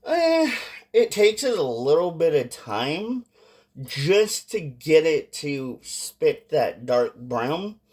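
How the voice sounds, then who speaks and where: Slow-paced man giving a casual review. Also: on the high side, very animated, darkish tone, breathy edge. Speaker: product reviewer. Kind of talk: casual vlog review with ranked list.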